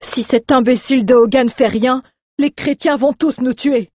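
A woman's voice: high-pitched, normal speed, darkish tone, no echo, clean studio sound, voice pushed up. A woman voicing grumbling, gossiping villagers in a medieval tale. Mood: gossipy.

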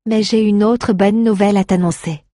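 A woman's voice: mid-range voice, steady tone, normal speed, dark tone, dry recording, clean studio sound, lightly acted. A woman voicing a caring, stubborn young traveling actress, who speaks to a grieving friend in a coaxing, tender way. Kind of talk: audio drama acting.

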